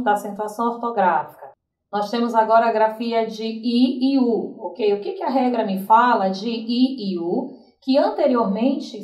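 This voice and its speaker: A woman teacher with a Brazilian Portuguese accent explaining grammar rules, repeating examples slowly and checking in with the class. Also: fairly high pitch, darkish tone. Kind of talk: recorded grammar lesson. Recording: roomy, from a distance.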